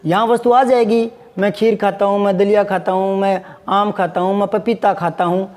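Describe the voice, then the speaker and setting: A man's voice: high-pitched, flat delivery, normal speed, a little mellow, long reverb tail. A man teaching Hindi grammar, patiently repeating examples and asking his students questions. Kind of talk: classroom lesson.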